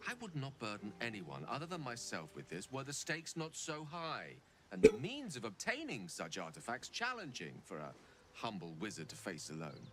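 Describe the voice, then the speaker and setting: A man's voice: mid-range voice, wildly swooping pitch, normal speed, a crowd in the background. An actor playing a refined, polite male wizard who confides a secret in formal, courteous speech. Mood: earnest. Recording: game audio with music behind.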